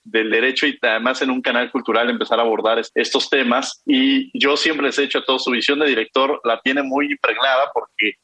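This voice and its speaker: A man with a Mexican accent hosting a radio talk show, courteous and gently rambling as he thanks guests and announces the credits. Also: mid-range voice, steady tone, a little fast, few pauses, no room sound, poor audio. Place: radio studio.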